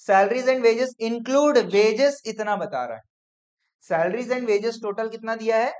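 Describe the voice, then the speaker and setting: A man teaching accounts in a classroom lecture, brisk and coaxing, often checking whether students follow. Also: very high voice, expressive. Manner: brisk, coaxing, peppered with "theek hai?". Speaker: commerce teacher. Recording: dull lo-fi classroom recording.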